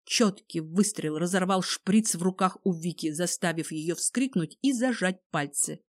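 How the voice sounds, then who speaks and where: A woman's voice: on the low side, a little slow. Woman narrating a dramatic audiobook. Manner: expressive, voices each character.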